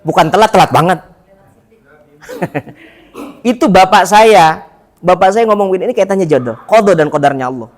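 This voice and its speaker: High-voiced man preaching in a mosque. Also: lively intonation, normal speed, pauses often. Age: middle-aged. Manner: chatty, joking, addresses the mothers directly. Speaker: ustadz, religious teacher. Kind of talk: mosque study-circle sermon.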